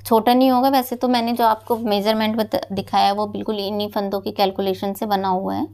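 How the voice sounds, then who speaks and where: A woman's voice: mid-range voice, little pitch movement, fairly quick, darkish tone, clear, resonant tone. A woman patiently giving a step-by-step knitting tutorial, explaining each stitch and speaking directly to her viewers as friends. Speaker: knitting teacher.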